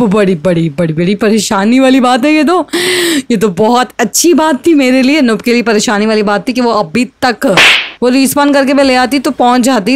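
A woman streamer giving excited, teasing gameplay commentary and trash-talking her rival. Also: on the high side, noisy background. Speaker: gaming streamer.

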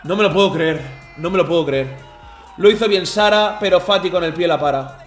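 A man recapping football matches as excited commentary, emotional and shouting at misses. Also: high voice, fairly quick, roomy sound, soft background music. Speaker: team president and streamer recapping matches.

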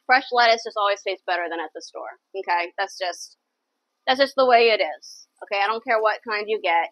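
A woman's voice: medium pitch, a bit bright, no room sound, muffled recording. A woman hosting a live cooking show in her kitchen, chatty and enthusiastic, often repeating herself. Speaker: cooking channel host. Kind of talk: casual live cooking chat. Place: home kitchen.

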